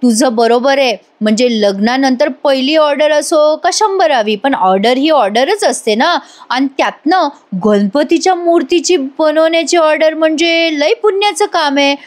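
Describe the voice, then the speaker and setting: A woman's voice: high-pitched, expressive, normal speed, hardly any pauses, pitched above the performer's own voice. A woman doing a kindly old grandfather. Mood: reassuring. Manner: gentle, reassuring.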